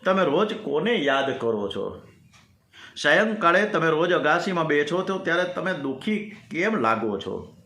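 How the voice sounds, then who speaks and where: A man's voice: fairly high pitch, big pitch swings, a little slow, bright, forceful tone, heavily acted. A man voicing a devoted male companion who anxiously pleads with his lord, in an earnest, questioning way. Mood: pleading worried. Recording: roomy echo.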